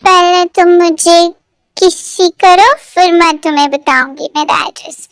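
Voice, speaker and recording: A woman voicing a tipsy, sulky young woman in love, reading a fan fiction story aloud, with pouty, drawn-out lines. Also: very high voice, fairly even intonation, dry recording.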